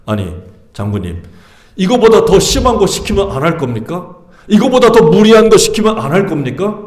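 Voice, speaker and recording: A preacher playing an earnest pleading servant. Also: male voice, sits high, very animated, normal speed, a little mellow, reverberant, voice pushed up. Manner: pleading, reasoning. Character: earnest male servant pleading with his general.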